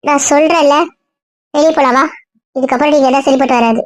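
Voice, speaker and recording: A woman's voice: sits high, steady tone, a little fast, no echo, lightly acted. A woman playing a bossy friend who insistently orders people to leave in an amateur audio drama. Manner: commanding, insistent.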